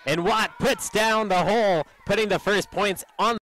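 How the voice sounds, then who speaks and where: Bright, excited male basketball commentator. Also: sits high, normal speed, no echo, poor audio. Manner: energetic, excited calls on made shots. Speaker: play-by-play commentator.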